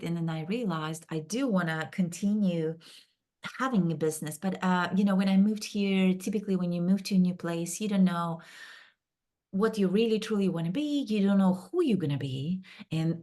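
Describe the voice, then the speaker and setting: Woman, lowish voice, thinks out loud with lots of ums, podcast guest. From Kazakhstan. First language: Russian. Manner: thoughtful, with many fillers and restarts. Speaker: guest, business founder. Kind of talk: podcast interview.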